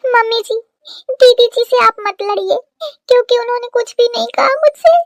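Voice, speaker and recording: A woman's voice: very high voice, moderate pace, dry recording, pitched above the performer's own voice. A woman voicing a tearful, polite young bride in a cartoon, speaking in a sobbing voice. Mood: pleading. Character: young bride, weepy, soft-spoken and polite.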